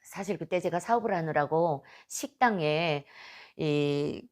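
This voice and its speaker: A woman's voice: sits low, measured pace, darkish tone. A middle-aged woman from North Korea with a North Korean accent, telling her personal faith testimony in an earnest, emotional storytelling way. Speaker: testimony speaker.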